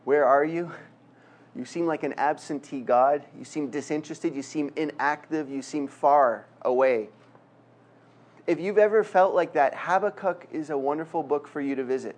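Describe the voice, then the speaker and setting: A guest preacher, middle-aged and from Quebec with a Canadian accent, gives a chatty sermon full of self-deprecating humor, jokes, and prayer. He speaks on the high side at a moderate pace, his tone somewhat dark.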